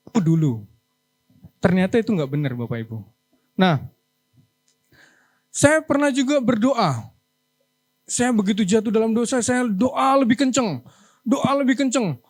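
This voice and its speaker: A man's voice: high voice, a little mellow, dry recording. A man from Java preaching a heartfelt testimony in church, earnest and emotional, often acting out family conversations. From Java, Indonesia. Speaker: pastor. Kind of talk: sermon testimony.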